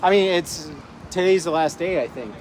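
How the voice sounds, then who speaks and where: A man with a Brooklyn accent chats excitedly on a theme park live stream and often repeats himself. His voice sits a little high, with faint outdoor noise behind. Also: normal speed. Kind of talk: casual live-stream chat.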